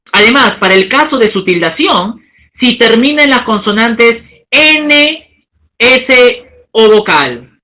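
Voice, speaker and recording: A male teacher giving a recorded lesson, emphatic, asking rhetorical questions and stressing syllables slowly. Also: sits high, bright, forceful tone, low-quality recording.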